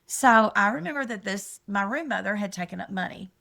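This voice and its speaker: A woman's voice: medium pitch, lively intonation, brisk, creaky, bright, forceful tone. An older woman co-hosting a podcast from a hotel room, leading questions in a chatty, emphatic way. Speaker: podcast co-host. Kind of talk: casual chat.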